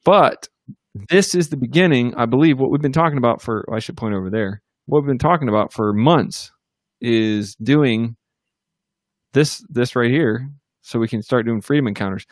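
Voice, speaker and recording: Speaking at normal speed in a mid-range voice, this male co-host of a casual ministry livestream talks loosely and upbeat, rambling with frequent fillers and restarts. A computer or webcam mic in his home studio gives a dry recording.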